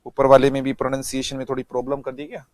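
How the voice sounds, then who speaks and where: A man's voice: medium pitch, monotone, racing, a little mellow, no echo. A male English teacher giving an online vocabulary lesson, speaking, repeating words and quizzing students.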